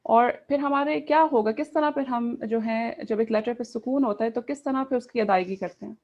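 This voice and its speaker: Female teacher, fairly high voice, online class, muffled call audio. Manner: mixes in English, asks students questions. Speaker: Quran recitation teacher. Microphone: video call.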